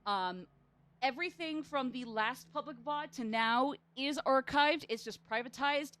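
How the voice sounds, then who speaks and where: A woman's voice: on the high side, a bit bright. Young woman, game streamer, casual livestream chat, rambling, filler-heavy, apologetic.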